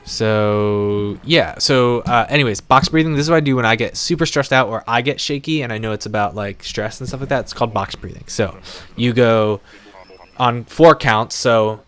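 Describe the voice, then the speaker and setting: A young adult man chatting casually and rambling on a live stream, talking warmly to his viewers. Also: mid-range voice, moderate pace, clean tone.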